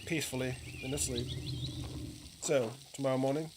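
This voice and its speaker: A man reads video game dialogue as a stern, resentful abbey monk who stays formally polite, his manner pointed and formal, the mood restrained. His natural voice is medium-pitched with fairly even intonation at a moderate pace, and a clear sizzling ambient noise sits behind it.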